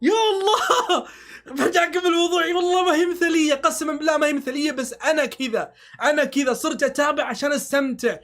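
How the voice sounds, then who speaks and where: A man's voice: very high-pitched, fast talker, a bit bright. A man reacting live to a football match, swearing oaths and pleading with the players.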